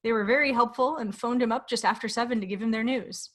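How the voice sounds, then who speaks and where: A woman with a fairly high voice reads a short story aloud. Her narration is measured and expressive, shaping each sentence carefully. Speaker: guest reader. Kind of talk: dramatic story reading.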